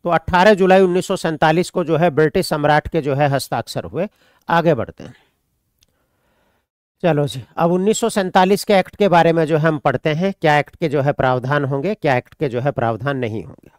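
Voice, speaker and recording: A man's voice: fairly high pitch, a little fast, dry recording, clean studio sound. A man from India, teaching an online exam-prep class. He repeats points, dictates notes and answers students' questions.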